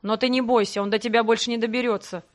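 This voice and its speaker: A woman's voice: a little high, fairly even intonation, fast, natural voice. A woman voicing a caring male nobleman who talks firmly and soothingly. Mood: reassuring.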